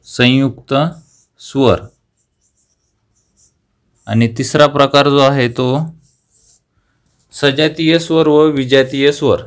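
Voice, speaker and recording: A young man with a Marathi accent teaching a grammar lesson, saying key terms slowly, repeating them, and asking questions that he then answers himself. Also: mid-range voice, fairly even intonation, clean tone.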